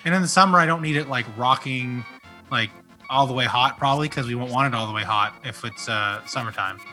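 A man in a relaxed podcast chat who rambles through his points with plenty of fillers and quick jokes. His voice is very bright and forward, with faint music underneath. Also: mid-range voice. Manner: joking, rambling with many fillers. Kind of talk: casual chat.

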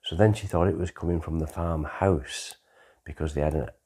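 A man in his sixties recounts his own life in a loose, unhurried way, stopping and restarting as he goes. His voice is deep and mellow, with a husky edge. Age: 60s. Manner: rambling, conversational, with frequent pauses and restarts. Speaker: memoir author telling his life story. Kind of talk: unscripted autobiographical storytelling.

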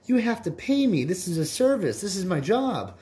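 A man's voice: sits high, sing-song, normal speed, dark tone, pitched above the performer's own voice. A man voicing an indignant female prostitute in a joke, talking in an insistent, stammering way. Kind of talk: joke telling.

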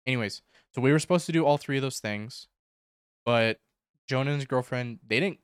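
A young man co-hosting a casual podcast, relaxed and matter-of-fact as he recounts events. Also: medium pitch, a little fast, clear, resonant tone, no echo, clean studio sound. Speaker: podcast co-host. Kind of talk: casual chat.

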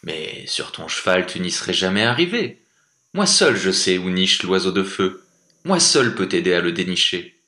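A man's voice: sits low, sing-song, moderate pace, bright, forceful tone, exaggerated voice. A man voicing a big grey talking wolf, a stern but loyal helper who scolds and then forgives, in a storybook reading. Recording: echoey room.

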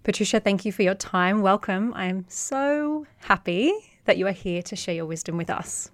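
A woman's voice: mid-range voice, animated, moderate pace, no echo. Polished woman interviewer, dry sound. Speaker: interviewer host. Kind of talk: warm interview introduction.

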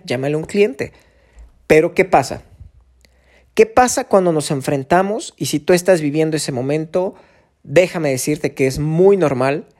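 A man's voice: on the high side, a little mellow. Mexican man coaching on a podcast. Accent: Mexican Spanish. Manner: conversational, coaching, rhetorical questions, fillers. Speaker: podcast host. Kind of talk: solo podcast monologue on sales.

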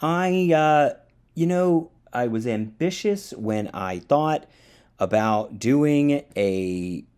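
A man's voice: medium pitch, lively intonation, extremely slow, darkish tone, clear, resonant tone. A man from the South, hosting a casual solo podcast from his apartment, rambling with fillers and chuckles, a bit tired. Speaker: podcast host. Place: studio apartment.

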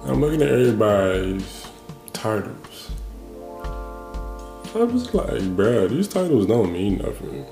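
Thinking out loud on his solo podcast, this man reflects casually and keeps restarting his thoughts. His voice is lowish, gravelly and warm, very animated yet a little slow, with long pauses. The room echoes and faint music sits in the background.

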